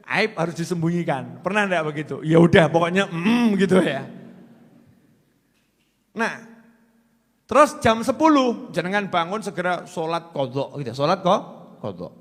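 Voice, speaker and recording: Lively man preaching in an echoing hall. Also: sits high, breathy edge. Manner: lively, joking, swings from loud to soft. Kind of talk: sermon. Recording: long hall reverb.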